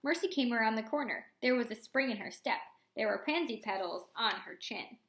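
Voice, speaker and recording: A woman reads a children's chapter book aloud, giving each character a different voice. Her voice sits high and bright. The room around her is echoey. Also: lively intonation, brisk. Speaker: reader. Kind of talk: storybook read-aloud.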